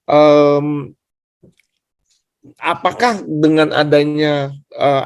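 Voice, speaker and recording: During a class discussion, a male student asks a question and explains informally and deferentially, circling back over his points. His voice is on the high side, and the recording has no echo.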